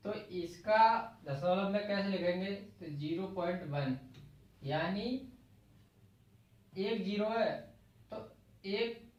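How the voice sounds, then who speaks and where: A man with a Hindi accent from the Agra region teaching a math lesson in a classroom, explaining step by step and counting digits aloud. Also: high voice. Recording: very echoey, distant, dull lo-fi room sound.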